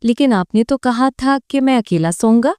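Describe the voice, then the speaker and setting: A woman's voice: a little high, expressive, darkish tone, clear, resonant tone, no room sound, clean studio sound, voice pushed up, close to an everyday voice. A woman voicing a naive young heroine in a romance audiobook who pouts and complains like a child. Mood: pouting.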